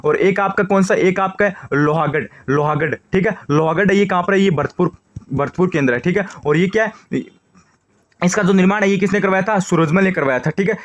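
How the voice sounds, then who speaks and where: A young man from Rajasthan, teaching an online exam-prep lesson and drilling questions and answers rapidly, repeating each answer. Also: high voice. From Shekhawati, Rajasthan.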